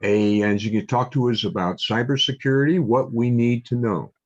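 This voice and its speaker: A man's voice: mid-range voice, lo-fi sound. An older man hosting a club meeting and reading out announcements, stopping often with ums and uhs. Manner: halting, many ums and uhs. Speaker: meeting host.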